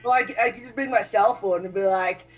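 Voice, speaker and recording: A man's voice: high voice, quick pace, faint music behind, rough recording. A man on a casual stock-market live stream who explains things step by step.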